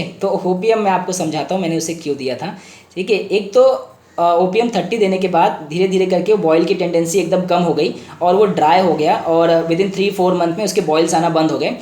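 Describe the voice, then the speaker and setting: A man's voice: high-pitched, moderate pace, warm tone, roomy sound. A male homeopathy doctor explaining a patient case to students, dropping English terms into his Hindi and repeating points as he goes.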